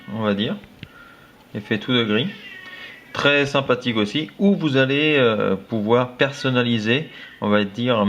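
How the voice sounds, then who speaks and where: A man, a tech blogger, walking viewers through phone themes in a casual, halting way full of fillers. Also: medium pitch, a bit bright. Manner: halting, filler-heavy, friendly. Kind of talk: casual screen-recorded walkthrough. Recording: dull lo-fi recording.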